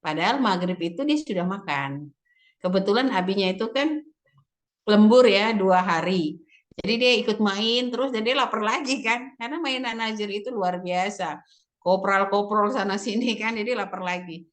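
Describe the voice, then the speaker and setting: A woman religious teacher at a parents' seminar, telling lively stories about her children, quoting them and often laughing as she talks. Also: mid-range voice, normal speed. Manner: often laughs while talking.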